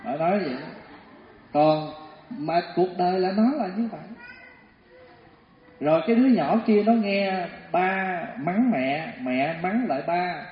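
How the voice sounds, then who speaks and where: A man's voice: high voice, unhurried, a little hiss or hum. A man giving a Buddhist dharma talk, telling stories and acting out the voices. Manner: storytelling, animated, acts out voices. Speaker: Buddhist teacher. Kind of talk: dharma talk with acted anecdotes. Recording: echoey hall, dull lo-fi.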